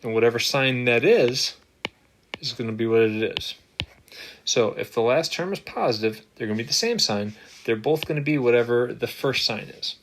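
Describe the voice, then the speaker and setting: A man's voice: medium pitch, normal speed, fairly bright tone. A man who is a math teacher, talking through examples while writing on screen, upbeat and joking at his own slips. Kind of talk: screen-capture math lesson. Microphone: desktop microphone. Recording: noisy desktop recording with ticking.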